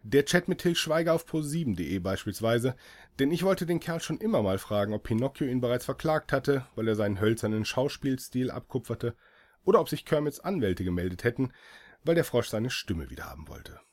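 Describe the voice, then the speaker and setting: A man's voice: mid-range voice, sing-song, fairly quick. A man reading a first-person story aloud as an audiobook, with dry, ironic delivery. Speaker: audiobook reader.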